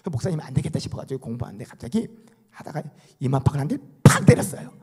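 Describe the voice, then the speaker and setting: A middle-aged man, a pastor preaching a sermon in a church, animated and often calling out hallelujah. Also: medium pitch, very fast, breathy edge. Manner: animated, calls for amens and hallelujahs. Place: church sanctuary.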